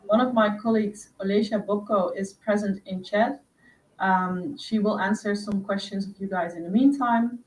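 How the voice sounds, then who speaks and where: A woman's voice: medium pitch, steady tone, moderate pace, far from the mic. A woman hosts an online webinar, walking listeners through information at an easy explanatory pace with plenty of "uh"s and "um"s. Her voice sits in a middle register and comes through a video call from a little away from the mic. The sound is roomy with a faint hiss behind it. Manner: explanatory, many fillers. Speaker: host. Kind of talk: webinar presentation.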